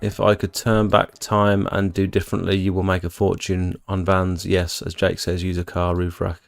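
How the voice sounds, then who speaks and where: A man's voice: low-pitched, little pitch movement, normal speed, vocal fry, soft background music. A British man in his thirties chatting informally and rambling as he hosts a casual live stream, reading out comments and answering them. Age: 30s. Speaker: livestream host, exterior cleaning tradesman. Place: small home bedroom doubling as an office.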